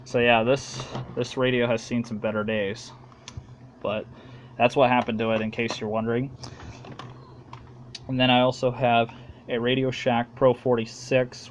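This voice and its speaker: Recorded with a little hiss or hum, an American hobbyist with a mid-range voice presents a casual show-and-tell for his home video, speaking plainly and haltingly.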